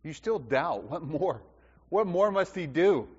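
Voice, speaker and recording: A man's voice: a little high, expressive, unhurried, slightly rough. Impassioned preacher man in echoing hall. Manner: impassioned, rhetorical repetition, swings from loud to hushed. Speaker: pastor. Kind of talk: sermon. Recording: dull sound with long church reverb.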